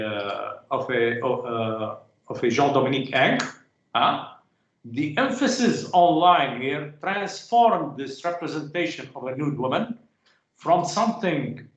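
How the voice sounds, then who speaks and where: Halting male lecturer in an echoey room. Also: mid-range voice, a bit bright, lo-fi sound. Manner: halting, many filler sounds, rhetorical "huh?" checks. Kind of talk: academic lecture.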